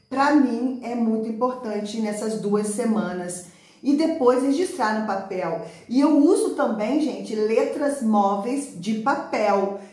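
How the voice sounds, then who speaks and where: A woman with a Brazilian Portuguese accent, explaining classroom literacy activities in a patient teaching talk, stretching out sample words slowly. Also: mid-range voice, very echoey. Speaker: teacher and neuropsychology educator.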